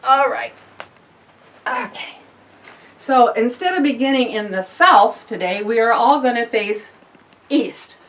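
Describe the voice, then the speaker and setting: Her voice fairly high and a bit bright, a woman running a small sound-healing session speaks slowly with frequent pauses, captured well away from the mic. She explains informally, restarting and using fillers, then chants vowel sounds and calls out invocations to the directions.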